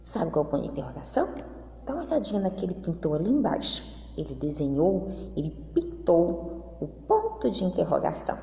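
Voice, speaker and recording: A woman teacher with a Brazilian Portuguese accent reads a lesson to young children. Her voice sits low and mellow and rises and falls in a lively way. She talks slowly, and the recording has an echoey room with a long reverb. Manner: slow, sing-song, exaggerated intonation for children. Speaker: primary school teacher.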